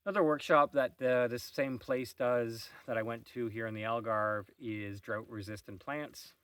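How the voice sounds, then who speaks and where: A man's voice: mid-range voice, fairly even intonation, moderate pace, a bit bright, dry recording. Rambling man chatting outdoors, slightly distant. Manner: rambling, musing, wry asides. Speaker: vlog host. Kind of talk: casual morning vlog chat. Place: shady outdoor terrace on a mountain farm.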